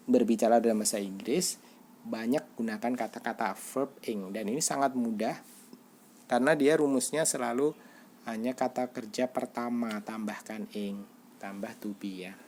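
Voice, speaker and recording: A male teacher with an Indonesian accent giving an English grammar lesson, reading the example sentences out slowly and checking in with his pupils. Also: medium pitch, darkish tone, a little hiss or hum. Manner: reads examples slowly and clearly, checks in with listeners.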